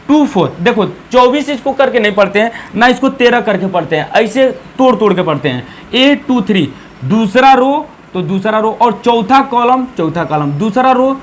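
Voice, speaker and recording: Chatty maths teacher, man, high voice, faint room noise behind. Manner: chatty, repeats "ठीक है ना", counts aloud. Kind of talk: casual Hindi classroom lesson.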